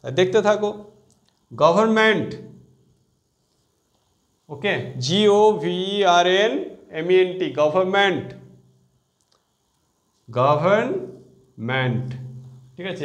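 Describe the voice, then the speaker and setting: Bengali male teacher, high voice, drilling exam spellings letter by letter. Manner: spells words letter by letter, repeats key words slowly. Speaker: English teacher. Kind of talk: exam-prep spelling lesson.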